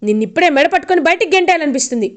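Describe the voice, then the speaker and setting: A woman's voice: high-pitched, lively intonation, very fast, pitched above the performer's own voice. A woman voicing a stern old grandfather who harshly rebukes a scheming woman, in a retelling of a TV serial. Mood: furious. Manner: harsh, contemptuous. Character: furious stern old grandfather, head of house.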